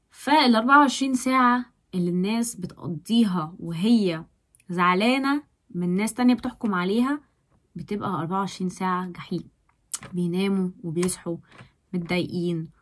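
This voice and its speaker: A young Egyptian woman speaking straight to her audience in a motivational vlog. She talks very fast and punches key words with sudden loud stresses. Her delivery is forceful and animated. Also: medium pitch. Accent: Egyptian Arabic. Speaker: vlogger. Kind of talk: motivational talk to camera.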